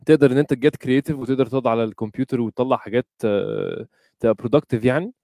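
Mellow, quick-talking Egyptian man, podcast guest. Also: medium pitch, very animated, no room sound, studio quality. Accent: Egyptian Arabic. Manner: mixes English words into his Arabic. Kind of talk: casual chat.

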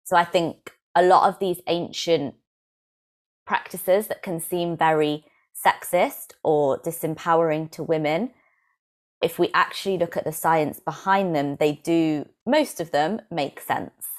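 A woman from England, a yoga teacher, calmly explaining practices in a podcast interview. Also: low voice, unhurried.

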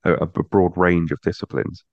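A man's voice: low voice, little pitch movement, fairly quick, no echo, highs cut off. A man co-hosting a motorsport podcast in casual chat, rambling and restarting his sentences. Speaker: podcast co-host.

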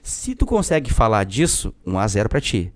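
A man in his forties with a southern Brazilian Portuguese accent, a podcast guest telling stories from his work in a frank, animated way. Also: lowish voice, normal speed, no echo. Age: 40s. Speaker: podcast guest, public defender. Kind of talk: casual storytelling.

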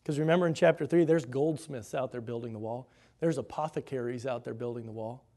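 A man preaching a sermon, animated, slipping into mocking voices when he quotes the scoffers. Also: mid-range voice, fairly quick.

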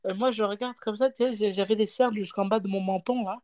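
A woman's voice: mid-range voice, a little fast, dry recording. A woman in her thirties telling a story in casual podcast chat, acting out both sides of a conversation. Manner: lively storyteller acting out dialogue; peppers speech with "hein" and "tu vois". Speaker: podcast guest parent.

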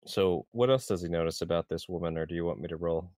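A man's voice: sits low, fast talker, a little mellow, no room sound, studio quality. A man playing a tabletop game, describing his character's moves in a playful way. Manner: playful, laughing often between in-character choices. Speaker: player.

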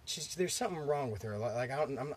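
A man's voice: medium pitch, lively intonation, fast talker, a little hiss or hum. Congested man swearing through a story. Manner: rambling, profane, lots of fillers. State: congested, clearing throat. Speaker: podcast host. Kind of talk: casual chat, storytelling.

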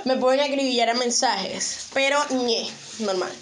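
A woman's voice: a little high, a little slow, background noise. A young woman, co-hosting a casual chat and acting out scenes with lots of laughter. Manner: animated, laughs often, acts out scenes. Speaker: podcast co-host.

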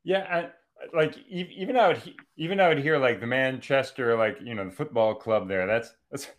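A Calgary-born professor and writer in his forties chats as a podcast guest in a relaxed interview. He speaks at medium pitch and a moderate pace, wandering off track, revising what he says, and joking along the way.

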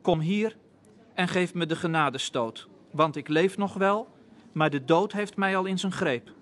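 A man's voice: high voice, a little slow, a bit bright. A man reading as a dying wounded king. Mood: urgent.

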